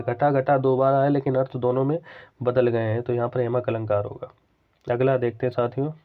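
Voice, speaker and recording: Hindi teacher with a tinny phone-like sound. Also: male voice, medium pitch. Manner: explains patiently, repeats key terms, slows to recite examples. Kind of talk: exam-prep grammar lesson.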